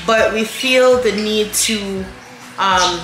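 A woman in her thirties, a mother co-hosting a family vlog, chats casually to camera indoors in front of a lattice-patterned wall, with lots of ums and restarts. Her voice is mid-range and slow. The poor-quality audio is roomy and has music underneath.

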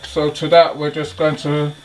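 A man hosting a home cooking video, talking slowly and haltingly through each step of a recipe in his kitchen. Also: a little high, monotone, a little hiss or hum. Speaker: cooking channel host. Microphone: off-camera, hands-only framing. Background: sizzling wok, faint music.

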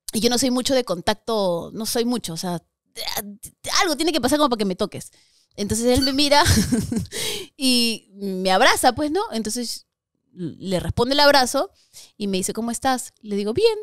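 A woman's voice: a little high, normal speed, pauses often, no echo, clean studio sound. A young adult woman with a Peruvian Spanish accent, a podcast guest who tells stories in casual chat, laughing often and acting out what people said. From Peru. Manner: animated, laughs often, acts out quoted voices.

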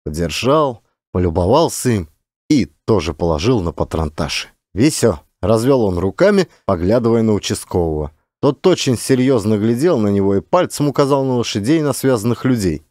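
A man reading an adventure audiobook in an expressive, dramatic narration. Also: fairly low pitch, fairly quick, dry recording, clean studio sound. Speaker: audiobook reader.

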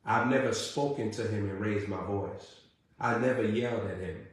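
Male preacher, sermon delivery, emphatic repetition, heavy room echo. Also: normal speed. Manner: rising to emphatic repeated questions, then dropping low. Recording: very echoey room.

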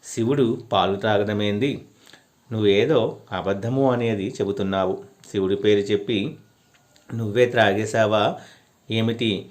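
A man's voice: on the low side, steady tone, a little slow, pauses often, lightly acted. A man doing a stern, suspicious father. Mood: accusing. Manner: questioning, accusing.

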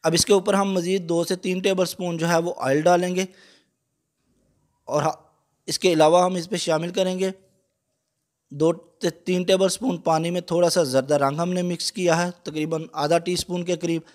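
A man with a slightly raised voice walks through a recipe. He talks calmly and patiently, pausing on small fillers as he explains each step. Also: sits high. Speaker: cooking channel host. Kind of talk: step-by-step cooking instruction.

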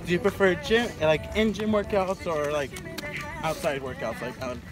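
A man's voice: fairly high pitch, expressive, moderate pace, music in the background. A young man in his twenties asking a friend questions on a hillside trail, with a teasing, joking manner. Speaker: interviewer, coworker. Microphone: camera carried alongside while walking.

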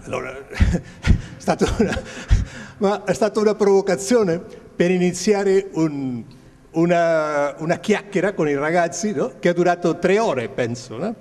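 A native Spanish speaker from Spain in his seventies, with a Spanish accent, is a guest speaker sharing informal recollections with an audience through a handheld microphone, haltingly searching for words. His voice is high-pitched, animated and darkish. The recording comes over a PA in a large, echoey glass-walled indoor hall.

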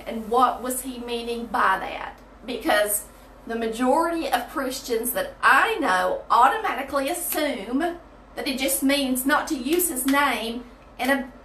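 Her high, slightly bright voice comes from a distance, bouncing off the walls of the little tiled bathroom where she hosts a chatty, folksy Bible study livestream. She speaks directly to viewers, and the off-mic recording sounds hollow and echoing with a faint hiss.

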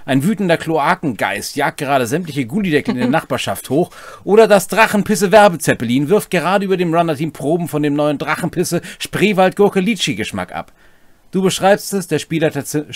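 A middle-aged man with a medium-pitched voice co-hosts a semi-scripted explainer of tabletop game rules, tossing in casual asides. He's indoors in a small room at home, and the sound has no echo.

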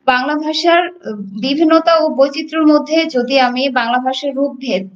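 A woman teacher from Bangladesh gives an online class lecture, addressing her students directly and using frequent fillers. Her voice is high-pitched and a little fast, captured in dull lo-fi audio.

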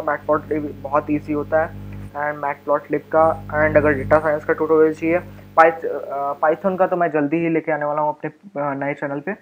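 Indian guy rambling thru a coding tutorial, kinda high voice, lots of uh and restarts. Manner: chatty, mixes Hindi and English, many fillers and restarts. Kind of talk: casual screen-recorded tech tutorial.

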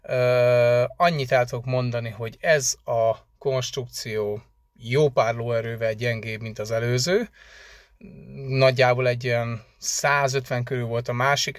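A man rambling conversationally in a casual vlog, pausing often with hesitation fillers. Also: mid-range voice, dry recording, clean studio sound. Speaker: delivery van driver vlogger.

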